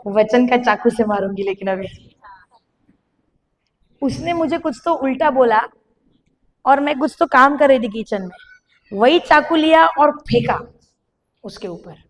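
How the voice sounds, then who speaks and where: A young woman giving a sermon testimony to a congregation, telling her story with animated storytelling that rises to emphatic calls. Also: high voice, a little slow, long pauses.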